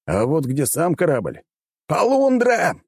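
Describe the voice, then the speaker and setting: A man with a fairly low voice reads a comic first-person audiobook, his delivery wry and full of swings in pitch. The recording is dry and close, with no room sound. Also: moderate pace, no echo. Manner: lively, wry storytelling that jumps up for shouted lines. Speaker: audiobook reader.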